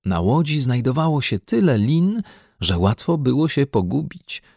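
A man narrating a children's audiobook in an expressive, animated storytelling manner. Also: medium pitch, unhurried, vocal fry, no room sound, clean studio sound. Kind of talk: scripted narration.

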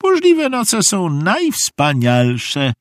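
A man's voice: sits high, wildly swooping pitch, extremely slow, dry recording, studio quality, pitched above the performer's own voice, exaggerated voice. A man doing a merry eccentric old woman. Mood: cheerful. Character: eccentric cheerful old woman, odd stranger, not human. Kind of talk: audiobook character voice.

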